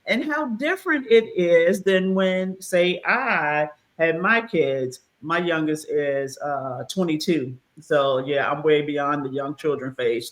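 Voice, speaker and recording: A woman in her fifties hosting a casual talk show, lively and quick to laugh with playful asides. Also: on the low side, low-quality recording. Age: 50s. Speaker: host. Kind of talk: casual chat.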